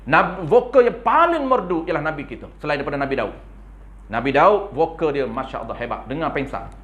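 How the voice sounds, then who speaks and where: A man with a Malaysian Malay accent teaches a congregation in a prayer hall. His voice sits somewhat high for a man, and he speaks in an animated, playful way. He keeps checking in with his listeners with a quick "ha?" and acts out little everyday scenes. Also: muffled recording. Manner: animated, punctuates points with a questioning "ha?". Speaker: religious teacher. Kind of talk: religious lecture to a congregation.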